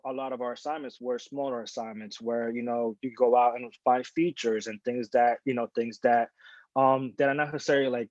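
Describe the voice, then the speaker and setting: A man in his forties who was born in the Dominican Republic and grew up in New York, a photojournalist telling his career story in a relaxed, candid way with many fillers and restarts. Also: medium pitch, no echo. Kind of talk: casual talk at a panel. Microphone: video call. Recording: dull lo-fi sound, dry.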